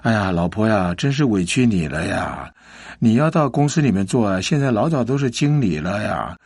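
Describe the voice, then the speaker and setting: A man voicing a weary, overworked husband who talks loudly and defensively. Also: on the low side, sing-song, moderate pace, breathy edge, no room sound, studio quality, heavily acted. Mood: tender. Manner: loud and defensive.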